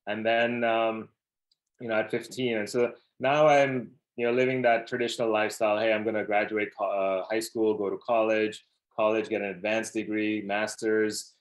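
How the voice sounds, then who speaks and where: A Dubai man in his thirties appears as a podcast guest, recounting his life story in a casual interview, loose and rambling with many fillers. His voice is lowish, level in tone and at normal speed. The recording is rough.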